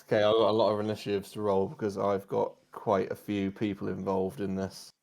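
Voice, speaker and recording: Low-pitched man running a tabletop game. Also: completely flat delivery, a little fast, creaky, a little mellow. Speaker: game master.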